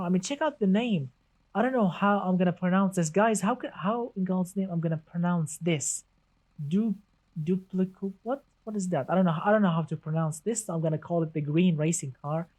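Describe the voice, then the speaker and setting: A man's voice: high-pitched, brisk, darkish tone. A man hosting a casual gaming live stream, chatty and enthusiastic, greeting viewers and reading the chat aloud.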